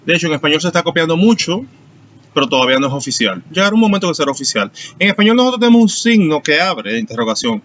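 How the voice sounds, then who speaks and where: Male teacher, slightly high voice, patient explaining, lo-fi online class audio. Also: sing-song, rapid-fire, fairly bright tone, slight background noise. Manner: explanatory, asks students questions. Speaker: English teacher.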